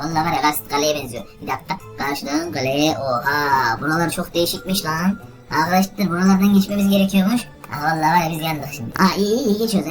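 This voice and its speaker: A woman rattles off let's play commentary at a breakneck clip, exclaiming constantly and calling out to her viewers as she plays. Her voice sits at an ordinary middle pitch for a woman. Game music plays clearly behind her. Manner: excitable, exclaiming, talks straight to viewers. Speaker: gaming video host.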